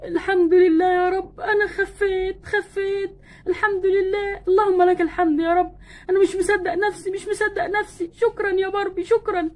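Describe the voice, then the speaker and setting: A woman's voice: high voice, fast, close to an everyday voice. A woman voicing an ailing, remorseful young husband doll in an Egyptian Arabic accent, talking in a plaintive, pleading way. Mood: tearful joy. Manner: plaintive, pleading, tearful when moved. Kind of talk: doll play acting.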